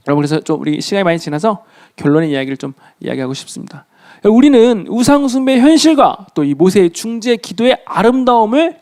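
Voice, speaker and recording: A man preaching a sermon to a youth group, speaking lively and often addressing his listeners and acting out short dialogues. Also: sits high. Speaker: youth pastor.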